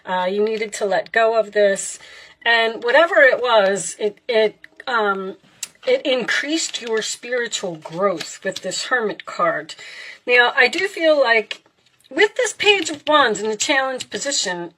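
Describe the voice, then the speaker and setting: A woman giving a casual tarot reading, speaking directly and reassuringly to the listener, sometimes halting and repeating words as she thinks. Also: on the high side, bright, forceful tone, a little hiss or hum, poor audio. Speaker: tarot card reader.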